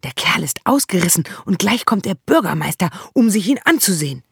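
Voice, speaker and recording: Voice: mid-range voice, very animated, fairly quick, creaky, fairly bright tone, breathy edge, no echo, clean studio sound, pitched above the performer's own voice, heavily acted. A narrator voicing a flustered, complaining male jailer in an audiobook. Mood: grumbling. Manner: complaining, bewildered. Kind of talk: audiobook character voice.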